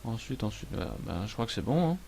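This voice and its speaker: A man's voice: mid-range voice, very animated, fast, vocal fry, dark tone, a little hiss or hum. Chatty man thinking aloud through a tutorial. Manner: thinks aloud, peppered with voilà and hesitations. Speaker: software tutorial host. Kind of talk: casual screen-recorded tutorial.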